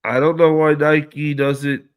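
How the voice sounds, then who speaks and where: A man hosts a casual live stream, reading out viewer comments and answering each one in loose, slangy talk. He speaks at an unhurried, drawn-out pace. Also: on the high side, little pitch movement, clean tone. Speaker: livestream host reading chat.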